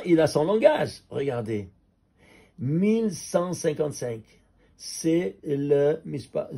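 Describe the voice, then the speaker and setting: A male rabbi gives an animated Torah lesson in a slightly raised, gravelly voice with a husky edge. He fires rhetorical questions at his listeners and chuckles with excitement as he works through number calculations. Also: on the high side. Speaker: rabbi teaching a Torah class.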